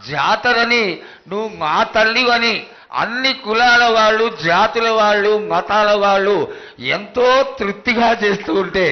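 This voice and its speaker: A man acting as ritual attendant, addressing a goddess in devotional supplication with emphatic, broken-up phrases. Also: sits high. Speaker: ritual attendant questioning the oracle. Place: live temple festival ritual. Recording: dull lo-fi live broadcast sound.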